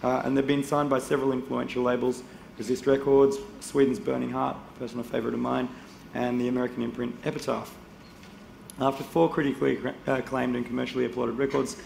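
A man moderating a conference panel, relaxed and chatty as he reads out a prepared introduction. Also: mid-range voice, vocal fry. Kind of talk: moderating a panel, reading a guest bio. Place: indoor conference stage. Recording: roomy hall with faint noise.

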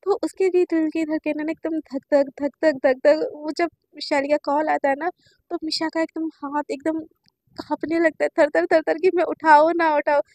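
A woman's voice: high-pitched, steady tone, moderate pace, darkish tone, no echo. A woman narrating a love story in a chatty, repetitive way, acting out the lines.

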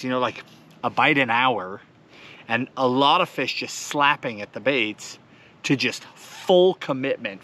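A man's voice: medium pitch, slight background noise. A man in his thirties hosting a fishing show, talking casually and explaining to camera from a small boat on a lake. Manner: relaxed, explanatory, chuckles often. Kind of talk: casual outdoor talk to camera. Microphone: camera mounted on the boat.

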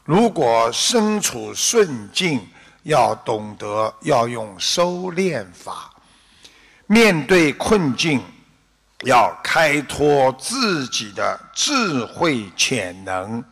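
A man with a Shanghainese-accented Mandarin, giving a deliberate, unhurried Buddhist dharma talk with a parable in a hall. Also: medium pitch, very animated, creaky, fairly bright tone, husky. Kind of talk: slow measured sermon with parable.

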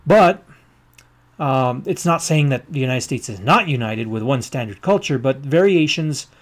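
A man giving a geography lecture over maps, speaking haltingly with many ums and uhs as he marks things with a pen. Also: medium pitch, expressive.

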